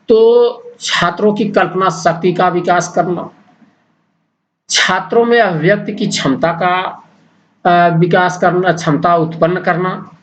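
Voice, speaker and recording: A male teacher giving an exam-prep lecture, slowly listing points one by one with pauses between them. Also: high voice, rough recording. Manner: slow, deliberate, pausing between list items.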